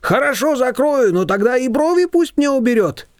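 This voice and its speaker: A man's voice: very high voice, expressive, no echo, clean studio sound, pitched above the performer's own voice. A man reading an audiobook voicing a gossipy, bargaining female confectioner. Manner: bargaining, chatty, drawn-out. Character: haggling middle-aged female confectioner, gossipy and sly.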